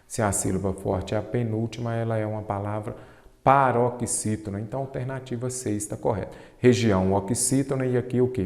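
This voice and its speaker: A Brazilian man teaching Portuguese for an exam, asking his own questions and answering them, drawing out key terms slowly. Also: on the low side, creaky, a little mellow, reverberant, long reverb tail. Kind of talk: exam-prep lecture.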